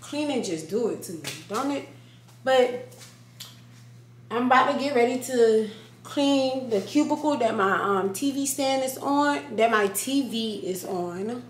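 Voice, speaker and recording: A young woman lifestyle vlogger chats to a close handheld or propped camera as she cleans her apartment kitchen and living room, slangy and animated. Her voice is a little high and her pace measured, with the room echoey and a faint ambience behind her.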